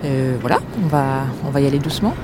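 A woman's voice: a bass voice, fast, heavy background noise. A woman in her forties from Paris, an archaeologist guiding visitors and talking with frequent hesitations. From Paris, France. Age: 40s. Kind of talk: guided tour interview.

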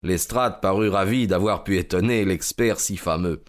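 An actor narrating a detective case as the detective's male companion, in a measured storytelling way. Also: sits low, close to an everyday voice. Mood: calm. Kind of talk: scripted narration.

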